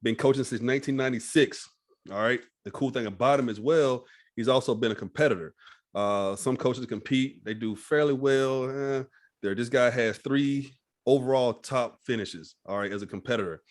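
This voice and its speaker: A man's voice: mid-range voice, normal speed. A man hosting a podcast interview, laid-back and casual, often tagging "all right?" and swearing freely. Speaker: podcast host.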